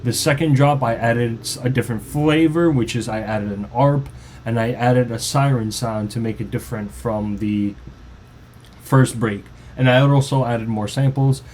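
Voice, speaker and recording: The man's mid-range voice is darkish in tone at a normal speed, with a little hiss or hum on the recording. A music producer, he gives a loose, informal walkthrough of his own song, restarting as he goes, over faint background music.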